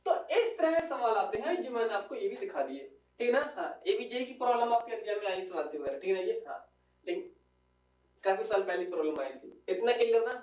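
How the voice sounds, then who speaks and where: A man's voice: high-pitched, big pitch swings, fairly quick, darkish tone. A male physics teacher giving a classroom lecture, coaxing his students and often checking that they follow. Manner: coaxing, calls students "beta" and keeps asking "clear?". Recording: echoey room, distant lo-fi mic.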